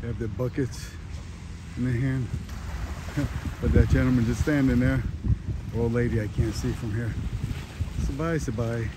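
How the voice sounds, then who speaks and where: An easygoing man talks casually as he rides through a village, pointing out people and sights with a teasing, relaxed manner. His voice sits at an ordinary middle pitch. Clear outdoor noise runs behind him throughout. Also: moderate pace, pauses often. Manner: easygoing, teasing, narrates what he sees. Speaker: vlogger. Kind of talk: casual chat. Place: outdoors on a bike ride in a village.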